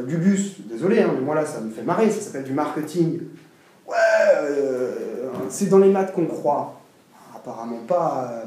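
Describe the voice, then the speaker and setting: A man lecturing to a seminar with a swinging, animated delivery and a mellow, soft-edged tone. He restarts his sentences and throws in emphatic asides as he goes. He is recorded from far off in a very echoey room. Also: a little high.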